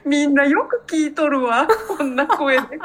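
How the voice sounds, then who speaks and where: A woman's voice: high voice, moderate pace, fairly bright tone. A woman co-hosting a casual chat podcast, speaking, giggly and self-deprecating. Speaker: podcast co-host.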